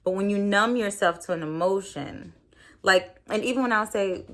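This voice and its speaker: A woman's voice: medium pitch, moderate pace. A woman in her thirties, a podcast host, telling a personal story in a candid, reflective way, with many fillers.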